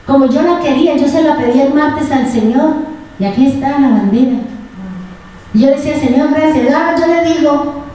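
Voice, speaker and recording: High-voiced woman preaching in an echoey hall. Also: dark tone, slight background noise. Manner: emotional, pleading, rhetorical questions to the congregation. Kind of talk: sermon. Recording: echoey church hall from far off.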